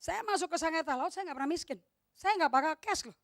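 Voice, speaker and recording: A middle-aged woman pastor preaches with force and drops English phrases into her talk. Her voice sits high. The sound is dry and close. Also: lively intonation, fast talker, no echo. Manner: emphatic, switches into English phrases. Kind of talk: sermon. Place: church hall.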